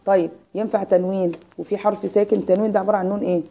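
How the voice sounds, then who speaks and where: An Egyptian woman teaching a grammar class, her voice slightly husky as she races along at a quick clip. She keeps firing "what?" prompts at her students and waits for them to answer. The recording sounds dull and lo-fi. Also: medium pitch, level tone. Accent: Egyptian Arabic. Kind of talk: Arabic grammar lesson with call-and-response questions.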